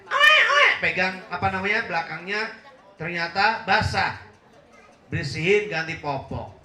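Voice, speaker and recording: Jokey high-voiced preacher in an echoey hall. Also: male voice, a little slow, sharp tone. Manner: jokey, teasing the audience, laughing often. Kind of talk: humorous sermon to a live congregation. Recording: echoey room with faint hum.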